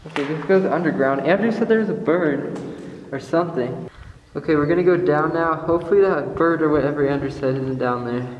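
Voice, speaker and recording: The recording is muffled, with a noisy background, as a young urban explorer briskly describes what he finds at an abandoned missile base, both indoors and outdoors. His voice sits on the high side, and he narrates casually in handheld vlog style.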